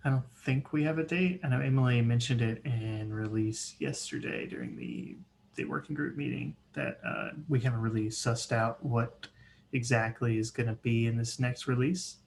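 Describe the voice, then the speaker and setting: A man facilitates a casual work meeting. His voice is mid-pitched with plenty of vocal fry, and there is faint noise on the call. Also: lively intonation, normal speed.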